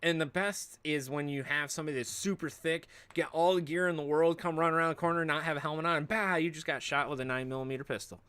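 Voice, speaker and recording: A man's voice: on the high side, steady tone, fast talker, few pauses, pushed and bright, smooth. A man hosting a livestream, chatting casually in rambling, joking rants. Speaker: livestream host.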